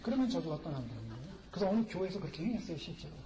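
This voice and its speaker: A man's voice: high voice, big pitch swings, racing, low-quality recording. A male pastor preaching a sermon, delivering it emphatically and firing rhetorical questions at the congregation.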